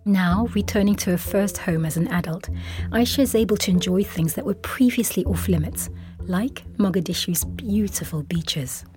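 A woman hosting a podcast, reading scripted narration in a measured, calm way. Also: mid-range voice, music in the background. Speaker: podcast host. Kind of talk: scripted narration and interview questions.

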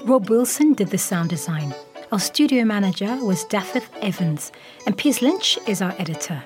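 A woman hosting a podcast, reading scripted narration in a measured, calm way. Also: mid-range voice, over music. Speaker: podcast host. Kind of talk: scripted narration and interview questions.

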